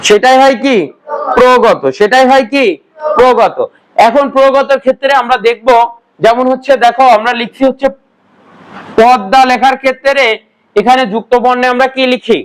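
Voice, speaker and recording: Male grammar teacher with a strikingly high voice; patient classroom lecturer who quizzes his students and answers himself. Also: fairly even intonation, moderate pace, long pauses, slight background noise, rough recording. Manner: patient step-by-step explaining.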